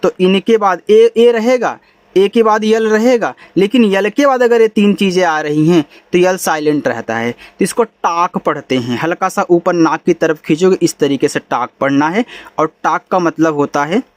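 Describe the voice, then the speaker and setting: A man teaches English step by step in a relaxed, friendly way, explaining things patiently. His voice sits high. The recording is close and dry, with no room sound. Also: moderate pace, no room sound. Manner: casual and friendly, says bhai and yaar. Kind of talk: spoken lesson.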